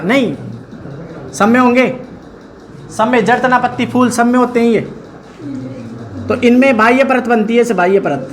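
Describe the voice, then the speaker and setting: A man's voice: very high voice, a bit bright, poor audio. A man teaching a lecture, repeating key terms and asking his listeners questions as he goes. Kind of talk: classroom lecture. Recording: crowd noise behind.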